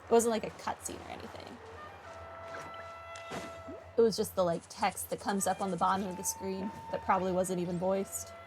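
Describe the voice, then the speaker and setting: A woman commentates her game playthrough in a chatty, relaxed way, using dry, self-deprecating humor over game music. She has a medium-pitched, steady voice at normal speed and pauses often.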